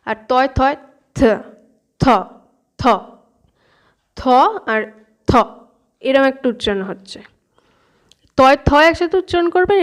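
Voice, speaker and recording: Woman w bengali accent, high voice, patiently teaching pronunciation, says sounds over and over. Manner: patient, repeats sounds slowly to demonstrate. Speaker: language teacher. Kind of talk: language lesson explaining pronunciation.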